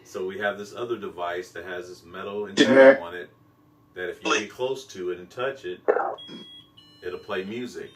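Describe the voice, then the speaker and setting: A man's voice: low voice, normal speed, a crowd in the background. A man with an American accent plainly explaining devices to spirits in a casual ghost-hunting vlog. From Colorado, United States. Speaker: paranormal investigator vlogger. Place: indoors in an old mansion. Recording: tinkling music-box tune behind. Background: music box playing.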